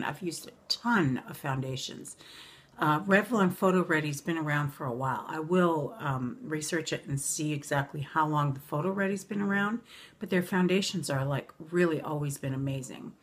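A woman in her forties chatting casually about makeup in a rambling way, full of ums and self-corrections, recorded on a camera in her bedroom. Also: low voice. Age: 40s. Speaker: beauty vlogger. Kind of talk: casual makeup review vlog. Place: bedroom at home.

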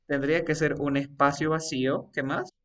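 A man's voice: on the high side, level tone, normal speed, recorded from a distance. A man teaching an English grammar lesson, coaxing his students step by step with repeated questions. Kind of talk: live online grammar lesson.

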